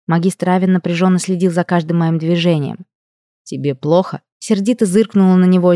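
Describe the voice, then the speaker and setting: A woman reading a first-person audiobook with expressive, emotional storytelling. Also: fairly low pitch, dry recording, clean studio sound. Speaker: audiobook narrator. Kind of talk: scripted first-person narration.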